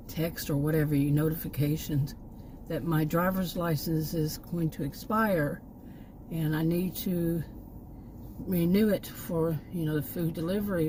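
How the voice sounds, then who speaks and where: Outdoors near a park, a middle-aged Texan woman vlogs casually to her camera, rambling, repeating words and trailing off. Her voice is on the low side and mellow, with slight background noise.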